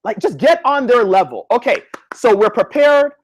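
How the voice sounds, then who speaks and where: Animated man coaching his audience. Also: very high-pitched, moderate pace. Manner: animated, slangy, talks straight to the audience. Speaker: physical therapist coaching students. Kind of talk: live online lecture.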